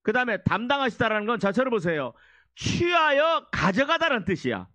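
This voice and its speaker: Pastor guy preaching, really high voice that jumps all over, keeps getting the crowd to repeat after him. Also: very animated, brisk, sharp tone, dry recording. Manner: exhorting, prompts the congregation to repeat and answer. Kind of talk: sermon with call-and-response.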